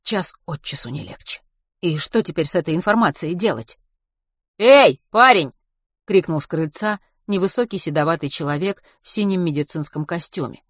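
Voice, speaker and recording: A woman narrates an audiobook in a steady, measured storytelling voice. Her tone sits fairly low. The recording is dry and close. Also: no room sound.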